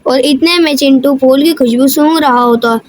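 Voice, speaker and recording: A woman's voice: high voice, moderate pace, a little mellow, slight background noise. A woman narrating a children's moral cartoon story and spelling out its lesson.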